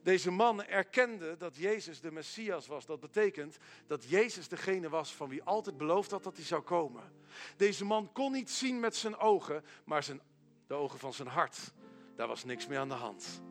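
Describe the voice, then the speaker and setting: A man preaching a sermon in a church hall, swinging between loud calls and hushed quiet lines. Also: fairly high pitch, expressive, a little slow, faint music behind. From Netherlands.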